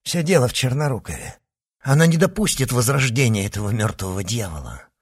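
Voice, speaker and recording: A man voicing a spiteful, scheming adult witch woman, taunting with threats in a husky voice. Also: medium pitch, lively intonation, a little fast, pitched above the performer's own voice. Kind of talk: audiobook character reading.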